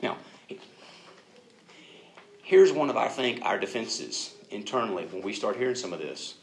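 A man in his forties preaching a sermon, telling self-mocking stories with loud, animated bursts of emphasis. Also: on the low side, measured pace, creaky, poor audio. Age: 40s.

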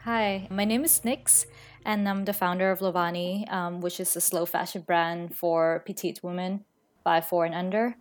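Relaxed woman from Thailand, low voice. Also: moderate pace, soft background music. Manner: thoughtful, relaxed, with fillers like "you know" and "like". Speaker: podcast guest, fashion brand founder. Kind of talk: casual interview conversation.

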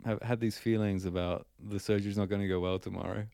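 A man's voice: on the low side, steady tone, fast, gravelly, warm tone, dry recording, clean studio sound. A man co-hosting a podcast, talking in a laid-back, joking way with plenty of swearing. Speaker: podcast co-host. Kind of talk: casual chat.

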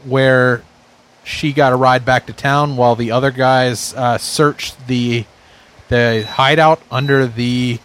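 A man giving a casual, unscripted recap on a tabletop game podcast, halting as he searches for words. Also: mid-range voice, steady tone, fairly bright tone, clean tone.

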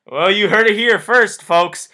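A man with a high, bright voice hosts a jokey homemade news report. He sounds loose and playful and keeps the patter going. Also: measured pace. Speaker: mock news host. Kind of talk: playful mock news sketch.

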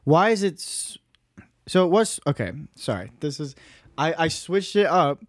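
A man's voice: a little high, expressive, unhurried, no room sound. A man co-hosting a podcast, chatting loosely with swearing and joking asides. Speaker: podcast co-host. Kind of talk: casual chat.

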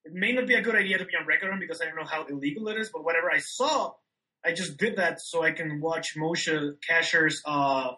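Man, podcast co-host, casual rambling chat, bright tone, higher pitch, remote call mic. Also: quick pace, low-quality recording. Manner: rambling, loose, many "like" fillers, laid-back storytelling. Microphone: remote call microphone.

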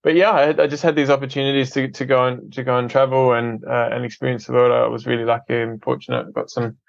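At a quick pace and a level tone, a mid-range Australian voice with vocal fry comes from an Adelaide film company head guesting on a podcast. He's earnest and casual, repeating words as he restarts, and the recording is dry with its highs cut off.

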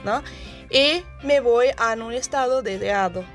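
A woman's voice: on the high side, unhurried. A Brazilian woman, a native Portuguese speaker, talking as a guest coach in a conversational interview in hesitant, accented Spanish. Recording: music playing behind. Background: background music.

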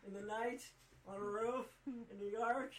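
A man's voice: high voice, fairly even intonation, measured pace, fairly bright tone, slight background noise. A man co-hosting a podcast in casual chat, sarcastic and prone to ranting. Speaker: podcast co-host.

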